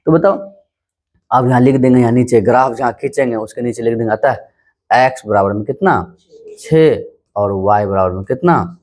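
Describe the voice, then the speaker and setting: A man teaching a maths lesson in a calm, unhurried way, often asking questions and answering them himself. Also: mid-range voice. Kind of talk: casual classroom maths lesson.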